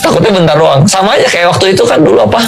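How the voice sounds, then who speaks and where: A man's voice: high voice, rapid-fire, creaky, music in the background. A man in a casual podcast chat, laid-back and slangy, chuckling as he talks.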